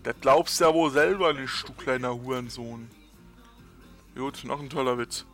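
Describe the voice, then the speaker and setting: A man's voice: mid-range voice, moderate pace, fairly bright tone, soft background music. Muttering, cursing gamer man. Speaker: let's player. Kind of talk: casual gameplay commentary.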